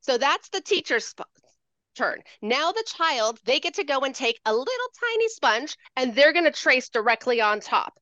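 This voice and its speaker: Woman educator, bright high voice that swoops a lot, playful sing-song teacher delivery, dry slightly dull video-call sound. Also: big pitch swings, normal speed, dry recording. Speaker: educator demonstrating handwriting. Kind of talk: lively teaching demonstration over video call.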